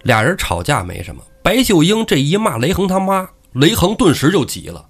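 Male podcast host retelling old tales, animated delivery, middle pitch, faint music behind. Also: brisk, slightly rough. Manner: lively, acts out characters. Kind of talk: casual storytelling.

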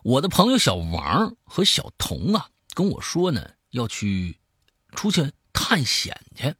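A man who hosts a show, telling a scary story in the first person, swinging from hushed to loud. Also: medium pitch, wildly swooping pitch, measured pace, breathy edge, no echo, clean studio sound. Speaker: host reading a listener's story.

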